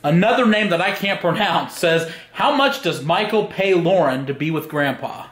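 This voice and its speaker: A man's voice: high voice, moderate pace, fairly bright tone. A man hosting casual banter, teasing and jokey as he reads comments aloud in a room at home. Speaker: video host reading out hate comments. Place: indoors in a home dining room. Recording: roomy, echoey home room.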